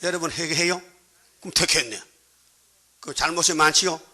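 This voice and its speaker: Bright, forceful Gyeongsang Korean preacher. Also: male voice, fairly high pitch, normal speed. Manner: prods the congregation with constant questions; colloquial, joking preaching. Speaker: pastor. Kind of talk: sermon.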